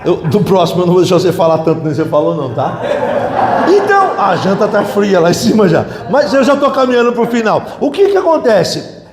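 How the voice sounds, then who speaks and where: A middle-aged man, preaching to couples in a lively, humorous way and questioning the audience. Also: high-pitched, brisk, crowd noise. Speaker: pastor. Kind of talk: sermon at a couples' retreat. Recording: echoey hall.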